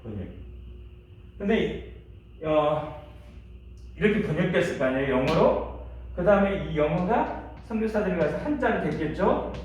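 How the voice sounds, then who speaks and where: This middle-aged pastor, whose fairly high voice is animated and darkish, speaks at normal speed with frequent pauses. He runs a chatty church history class, putting questions to students and laughing at times. The audio is dull, recorded from a distance in an echoey room with faint hiss.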